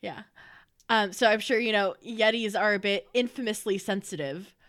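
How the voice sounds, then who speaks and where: A woman hosting a podcast in casual chat, relaxed, laughing along and telling stories with quoted asides. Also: mid-range voice, moderate pace. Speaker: podcast host.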